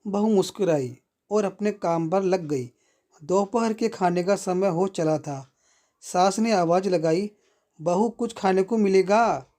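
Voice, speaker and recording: A man narrating a moral story in a slow, even storytelling manner. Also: sits high.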